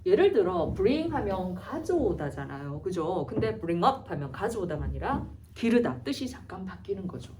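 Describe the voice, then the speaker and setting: A woman's voice: mid-range voice, big pitch swings, normal speed, warm tone, far from the mic, a little hiss or hum. A woman teaching English grammar to students, explaining step by step and asking herself questions she then answers. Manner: explains patiently, quizzes herself aloud. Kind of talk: grammar lecture.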